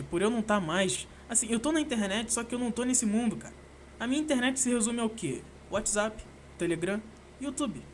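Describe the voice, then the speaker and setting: A man's voice: high-pitched, a little hiss or hum. A young man from Brazil hosting a solo podcast, rambling casually and swearing a lot, with constant slang fillers. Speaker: podcast host.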